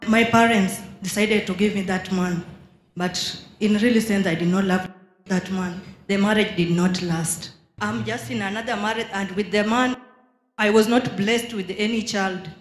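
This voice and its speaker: A woman testifying at church in a matter-of-fact way, holding a handheld mic. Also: mid-range voice. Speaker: testifying congregant. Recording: echoey church hall.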